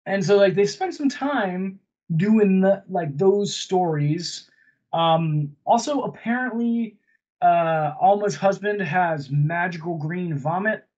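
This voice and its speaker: Man, high-pitched, slow talker, meandering, lots of fillers, slightly muffled video call audio. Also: a little mellow. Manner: meandering plot recaps with many fillers. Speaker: podcast co-host reviewing films. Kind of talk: casual chat.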